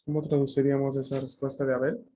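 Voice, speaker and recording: A man's voice: mid-range voice, flat delivery, fast, dark tone, slight background noise. A man teaching a language class over a video call, explaining patiently with frequent fillers and checking questions.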